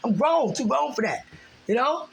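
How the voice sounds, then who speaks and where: A woman's voice: high voice, expressive, moderate pace, gravelly, breathy edge. Heated American woman ranting. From United States. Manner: heated, profane, repetitive, lots of fillers. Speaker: vlogger. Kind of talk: ranting monologue.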